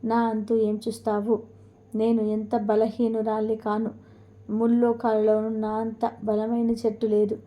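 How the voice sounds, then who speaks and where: A woman's voice: on the high side, completely flat delivery, a little slow, warm tone, lightly acted. A woman voicing a proud, boastful giant female tree in a spoken storybook. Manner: boastful, scornful.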